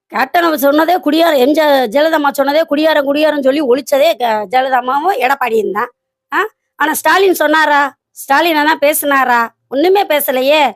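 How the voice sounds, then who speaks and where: Woman, local party organiser, high voice, dry close sound, fires off rhetorical questions. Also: dry recording. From Virudhunagar district, Tamil Nadu. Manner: scolding, rapid rhetorical questions. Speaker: local party women's wing secretary. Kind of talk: political message to party supporters.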